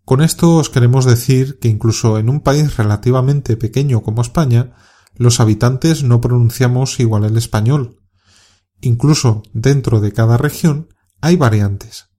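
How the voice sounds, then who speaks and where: Calm mellow-voiced Castilian Spanish man. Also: mid-range voice, normal speed. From Spain. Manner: calm, clear, encouraging explanation. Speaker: Spanish teacher. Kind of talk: scripted podcast lesson for learners.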